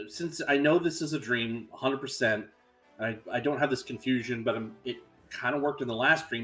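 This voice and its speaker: A man's voice: mid-range voice, pushed and bright. A man chatting casually as a player in a tabletop role-playing game, thinking through his moves aloud.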